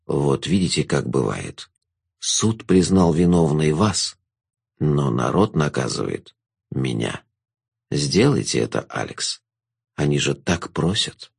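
A man voicing a smug, mocking male jester in a slow, low, drawn-out way, in an audiobook. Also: big pitch swings, vocal fry, breathy edge, heavily acted. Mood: menacing. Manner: smug, taunting. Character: sly theatrical male jester, mocking, menacing. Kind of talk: audiobook character voice.

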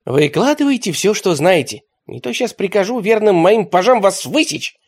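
A man voicing a hoarse, haughty bandit chief who gives orders, in a storybook reading. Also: sits high, lively intonation, moderate pace, voice pushed up. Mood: mock-girlish.

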